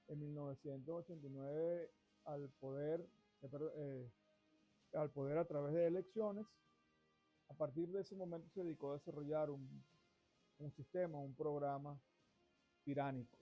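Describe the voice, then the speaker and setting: A man's voice: fairly high pitch, breathy edge. A middle-aged man from Venezuela hosting a finance show, talking at length in a discursive way that restarts phrases. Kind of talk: monologue to camera. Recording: dull lo-fi sound with faint music.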